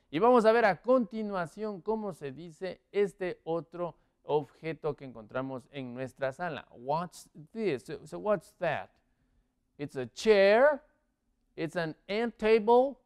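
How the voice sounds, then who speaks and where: A man teaching English vocabulary, quizzing viewers with multiple-choice options and drawing out the English words slowly for pronunciation. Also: high-pitched, smooth. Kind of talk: English vocabulary lesson in Spanish.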